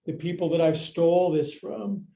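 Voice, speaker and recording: A man's voice: on the high side, steady tone, moderate pace, gravelly, warm tone, slight background noise. A man teaching a live yoga class, cueing moves with playful jokes and counts. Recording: echoey room.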